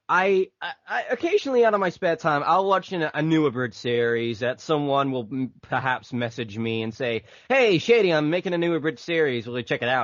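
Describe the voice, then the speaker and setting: A man's voice: fairly high pitch, no echo. A man who makes a fan abridged series, talking casually in an interview, rambling with lots of fillers. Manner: rambling, filler-heavy, laughs often. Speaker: abridged series creator and voice actor. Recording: dull lo-fi voice chat audio.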